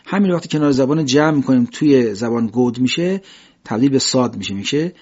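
A man teaching a lesson on Quran recitation, patiently explaining and slowly demonstrating letter sounds. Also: medium pitch, expressive, darkish tone. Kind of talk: religious lesson on pronunciation. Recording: dull lo-fi recording.

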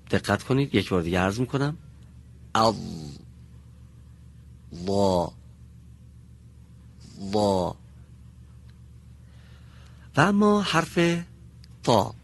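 A male teacher in a classroom giving a pronunciation lesson, patient and deliberate, slowly demonstrating each sound for his pupils. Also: mid-range voice, husky.

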